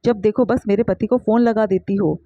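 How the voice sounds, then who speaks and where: A woman's voice: mid-range voice, steady tone, fairly quick, no room sound, lightly acted. A woman voicing a spoiled young wife who hurls scornful accusations, heard on a dull lo-fi recording. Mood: furious. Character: sharp-tongued young wife, spoiled and resentful.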